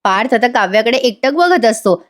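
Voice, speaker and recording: A woman's voice: a little high, fairly quick. A woman narrating a voice-over recap of a TV serial, retelling scenes. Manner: animated retelling, acts out character lines.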